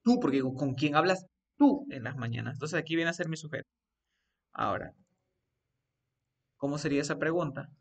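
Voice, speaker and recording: A man's voice: on the high side, lively intonation, a little fast, long pauses, recorded from a distance. A man teaching an English grammar lesson, coaxing his students step by step with repeated questions. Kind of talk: live online grammar lesson.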